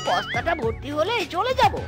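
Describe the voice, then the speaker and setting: A woman voicing a sly, cowardly young male fox thief in a cartoon, whiny and excitable. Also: sits high, brisk. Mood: pleading. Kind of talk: cartoon voice acting. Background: music.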